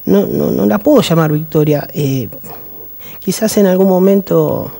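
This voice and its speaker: Mellow-voiced man, halting speech. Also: high voice, gravelly. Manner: halting, with many restarts and pauses. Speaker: guest, husband of the interviewee. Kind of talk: reflective TV interview talk.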